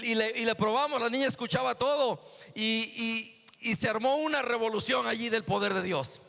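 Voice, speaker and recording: Guest pastor guy telling his story, bright sharp voice, long church echo. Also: sits high, gravelly. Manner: storytelling, acting out dialogue. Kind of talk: sermon testimony. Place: church hall. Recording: echoey church hall.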